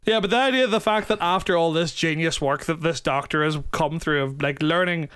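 A man's voice: a little high, a little fast, a bit bright, smooth. A man co-hosting a comedy podcast, riffing on silly ideas and laughing often. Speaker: podcast co-host. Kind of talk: casual comedic chat.

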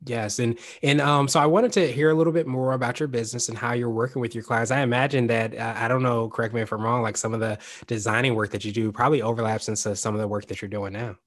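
A man's voice: medium pitch, fairly even intonation, fast talker, few pauses. A man hosting a business podcast, upbeat and chatty, often repeating words and restarting phrases as he speaks. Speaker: podcast host. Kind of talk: podcast interview.

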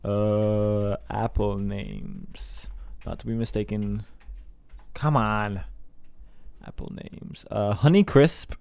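A man's voice: on the low side, expressive, slow pace, creaky, a little mellow, clear, resonant tone, no echo. A man hosting a casual solo monologue who rambles from topic to topic and laughs at his own jokes. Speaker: host.

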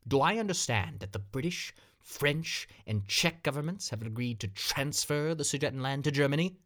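A man's voice: medium pitch, expressive, moderate pace, fairly bright tone, lightly acted. A man voicing a cold male dictator who speaks firmly and makes clipped demands. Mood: incredulous.

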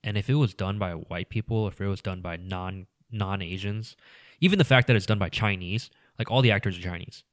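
Man, low voice, dry close sound, rambling, trails off, casual guest chat. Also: fairly quick, dry recording. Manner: rambling, drops to mumbles, lots of "you know". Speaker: podcast guest.

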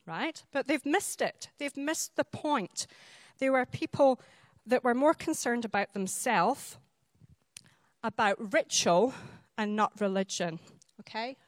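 Woman preacher, Highland Scottish accent, fairly high voice, explanatory delivery, close dry sound. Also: no echo. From Highlands of Scotland. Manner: explanatory, checks in with listeners using short tag questions. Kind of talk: sermon.

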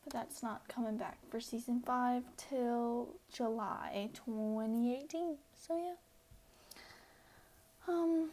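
On her debut solo podcast, a young woman from the US chats in a loose, self-deprecating way, occasionally dropping almost to a whisper. She has a high voice, and the audio is poor.

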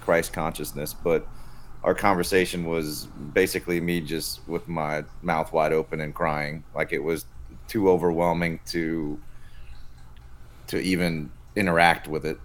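Deep-voiced laid-back podcast host. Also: male voice, unhurried. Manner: relaxed, casual, swears and says "man". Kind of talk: casual conversation.

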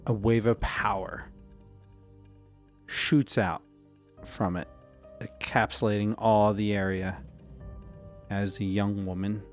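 A man serving as game master, narrating scenes of a tabletop role-playing game in a slow, measured way. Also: on the low side.

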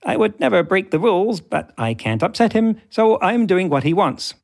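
A man voicing a small household robot in a high, chipmunk-like squeak, fussy and anxious. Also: very animated, normal speed, creaky, heavily acted. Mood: fretful.

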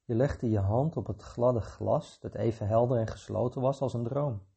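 A man reading a short story aloud in a calm, measured way, with a gravelly, husky voice. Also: mid-range voice.

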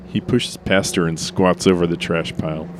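A man narrates a scripted comic story in a flat, matter-of-fact way. His voice sits very low. Clear background noise runs under the recording. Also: normal speed.

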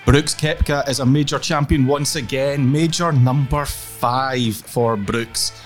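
A man's voice: medium pitch, slow pace, music in the background. A Scottish man hosting a podcast in a conversational way, recorded in a small, echoey room. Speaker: podcast host. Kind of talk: podcast introduction and chat.

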